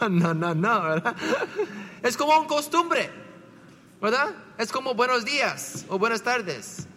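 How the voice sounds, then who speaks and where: Male priest, bright voice, chatty homily, rhetorical questions, faint room ambience. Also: very high voice, very animated, slow, long reverb tail, a little hiss or hum. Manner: conversational, asks rhetorical questions, frequent "¿verdad?".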